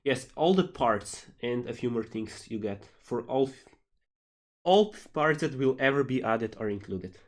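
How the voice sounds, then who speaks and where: A man's voice: mid-range voice, lively intonation, a little slow. Male game developer, casual livestream Q&A delivery, reading questions and replying. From Slovenia.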